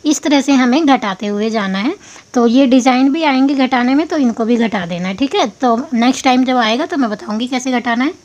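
A woman hosting a crochet tutorial, explaining each step patiently and counting stitches aloud. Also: a little high.

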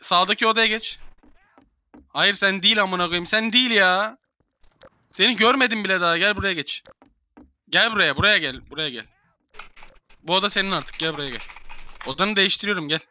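A man's voice: sits high, fairly quick, long pauses, bright, forceful tone. A young man in casual game voice chat, bossily herding players into rooms and swearing. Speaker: gamer streamer.

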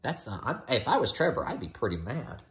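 A teacher in his thirties from the U.S. reads a picture book to his first graders with casual side remarks, his medium-pitched voice swooping wildly up and down. The pace is fairly quick and the tone a bit bright, picked up by a phone or laptop at arm's length in a small home room.

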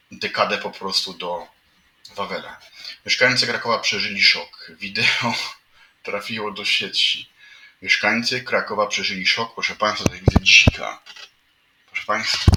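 A low-voiced man hosting a livestream rambles through news headlines in live commentary, repeating "proszę państwa" and dropping wry asides. He is recorded in an echoey room with the mic at a distance and audible noise.

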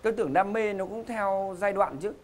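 A man's voice: high-pitched, a little fast, a little hiss or hum. A middle-aged man hosting a game show, with joking, teasing banter and theatrical emphasis. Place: TV studio stage.

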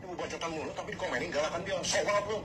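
A man's voice: fairly high pitch, rapid-fire, fairly bright tone. A man taunting and mocking a celebrity in his own commentary video, heard as a clip playing back. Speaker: online commentator.

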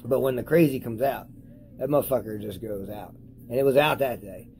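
A high young man rambling profanely and losing his train of thought in a casual vlog. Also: a little fast, darkish tone, faint music behind, poor audio. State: high on cannabis. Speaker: cannabis vlogger. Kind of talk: casual stoned rambling to camera.

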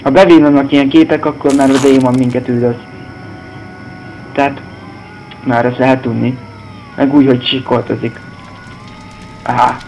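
A man's voice: mid-range voice, level tone, pauses often, a little mellow, a little hiss or hum, rough recording. Jumpy, cursing young man playing horror. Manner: swearing, jumpy outbursts. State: slightly hoarse. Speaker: gameplay video host. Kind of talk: horror game commentary.

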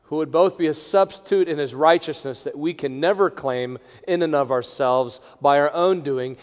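In a large church sanctuary, a middle-aged pastor with a high voice leads his congregation in prayer from a lectern. He shifts between hushed, near-whispered phrases and strong, raised proclamation, all carried on a long church reverb.

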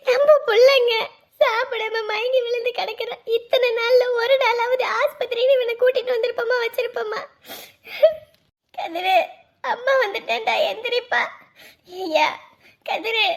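A woman plays a distraught mother whose very high voice carries a gravelly edge as she pleads and scolds, close to tears. Her talk is emotional and insistent, in a family drama. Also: steady tone, moderate pace. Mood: distressed. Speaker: mother of a grown son. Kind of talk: Tamil family web drama acting.

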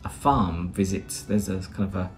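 A man's voice sits low and moves at normal speed, with slight background noise. He's British, in his thirties, and speaks British English while vlogging casually and narrating voice-overs from a small plain room indoors. His style is chatty and rambling, packed with "uh"s and restarts.

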